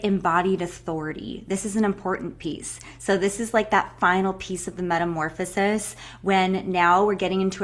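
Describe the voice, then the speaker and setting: A young woman hosting a live online breathwork call, chatting casually and effusively with many filler words. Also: on the low side. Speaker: breathwork facilitator.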